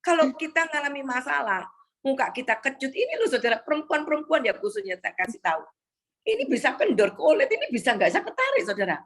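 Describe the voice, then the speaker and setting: A woman's voice: high voice, big pitch swings, brisk. A woman preaching an exhorting sermon to a congregation on a video call, often calling the listeners "Saudara".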